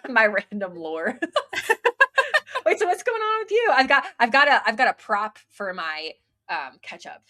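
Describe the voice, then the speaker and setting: A woman's voice: on the high side, moderate pace. A young woman co-hosting a casual podcast, chatting in a bubbly, giggly way and telling stories with lots of life. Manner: bubbly, giggly, animated storytelling. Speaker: podcast co-host. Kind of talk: casual chat.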